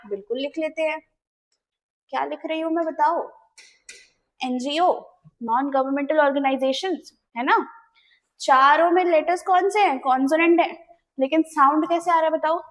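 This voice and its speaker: A young woman teaching an exam-prep grammar lesson, asking questions and answering them herself. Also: high-pitched.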